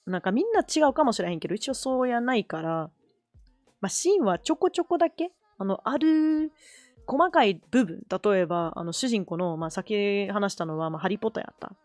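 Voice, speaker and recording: A woman with a Kansai Japanese accent chats loosely as a stream host, rambling and restarting her sentences, slipping between Japanese and English. Her voice sits at an ordinary middle pitch, and faint music plays behind her. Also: lively intonation, brisk, darkish tone, no room sound. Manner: rambling, self-correcting, mixing Japanese and English. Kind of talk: casual chat while drawing.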